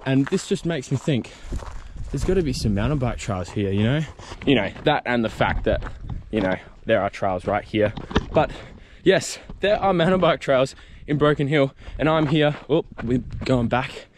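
A South Australian mountain bike vlogger chats casually outdoors on bush trails, rambling and joking with lots of ums. His mid-range voice is expressive and moderately paced, with background noise.

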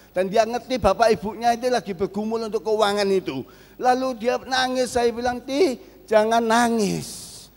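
A middle-aged male pastor with an East Javanese Indonesian accent, preaching a sermon as a story and rising to shouts. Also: sits high. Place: large church hall. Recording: long hall reverb.

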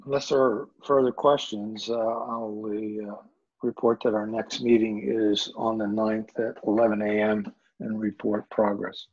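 A man's voice: fairly low pitch, level tone, measured pace, darkish tone, breathy edge, dull audio. A man, a council member, giving a brief formal committee report at a virtual meeting.

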